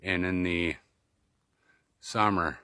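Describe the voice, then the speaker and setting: Deep-voiced man trudging through snow, winded. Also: takes it slowly, sharp tone, clear, resonant tone, no echo, clean studio sound. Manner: talking in short bursts while trudging through snow on snowshoes. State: winded from exertion. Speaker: outdoor vlogger. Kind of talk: casual vlog narration while walking. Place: outdoors in snowy woods and fields.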